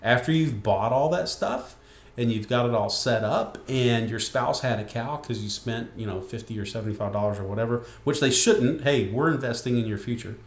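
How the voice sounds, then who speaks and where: Man, tutorial narrator, chatty, folksy asides, echoey room, mid pitch. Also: normal speed. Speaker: software tutorial presenter. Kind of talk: casual screen-recorded tutorial.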